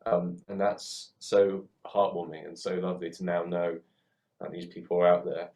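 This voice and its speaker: A UK man in his twenties, originally born in Hong Kong, speaks with a southern English accent in a deep, darkish voice with flat delivery and normal speed. A theatre worker and photoshoot co-producer, he muses in a casual chat, pausing thoughtfully and frequently rewording what he's said.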